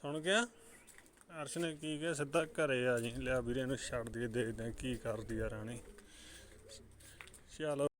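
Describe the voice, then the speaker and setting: Man, casual vlogger, mid-pitched voice, coaxing pigeons with calls, outdoor rooftop with faint bird noise. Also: steady tone, moderate pace, pauses often, fairly bright tone. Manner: coaxing pigeons with repeated calls, chatty asides to viewers. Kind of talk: casual vlog narration while handling pigeons.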